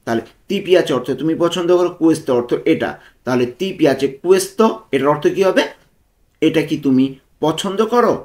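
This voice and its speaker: A man with a Bangladeshi accent teaching a language lesson, repeating example phrases slowly and deliberately. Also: on the high side, expressive. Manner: slow, deliberate spelling-out of foreign phrases, rising on the examples.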